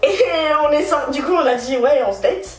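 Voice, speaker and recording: A high-pitched young woman tells her stories with lots of laughter and lively energy. She sits back from the microphone in an echoey room with faint music underneath. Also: a little fast, far from the mic. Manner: animated, laughs often while telling. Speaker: guest telling dating stories. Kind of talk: casual storytelling.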